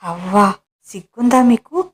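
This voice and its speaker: A woman voicing a middle-aged wife who scolds her husband in sharp, raised tones, in a storybook reading. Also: mid-range voice, moderate pace, lightly acted. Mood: scolding.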